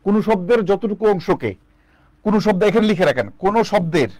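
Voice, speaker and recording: A man's voice: sits high, lively intonation, fast talker, darkish tone, dry recording. A man teaching an online English lesson, asking students questions and drilling the answers back. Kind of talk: online lecture.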